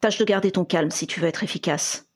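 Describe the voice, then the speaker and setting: A man's voice: high voice, a little fast, breathy edge. A woman reading aloud and voicing a wary, calculating wizard investigator advising his partner.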